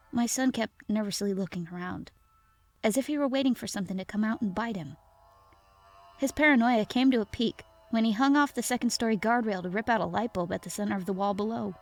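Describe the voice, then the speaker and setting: A woman reading a scripted scary story as narrator, in a measured storytelling manner. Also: fairly high pitch. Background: faint music.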